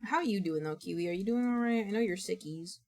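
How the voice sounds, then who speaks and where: A woman's voice: medium pitch, fast, darkish tone. A woman streamer chatting casually with her viewers, playfully exasperated and swearing freely, her voice a little worn out. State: voice nearly gone from strain. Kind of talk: casual livestream chat with viewers.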